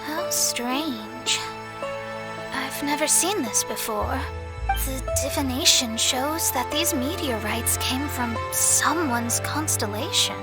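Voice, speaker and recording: An actress playing a proud, self-assured young astrologer mage in a video game, articulate and a little haughty. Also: female voice, high voice, slow, loud music behind the voice. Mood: confident, studious. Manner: confident, articulate, slightly haughty. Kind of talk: scripted video game dialogue.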